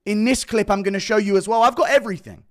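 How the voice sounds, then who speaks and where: A man's voice: high voice, fast talker. Emphatic man reacting to a clip. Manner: emphatic, repeats quoted lines, profane. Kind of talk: reaction commentary.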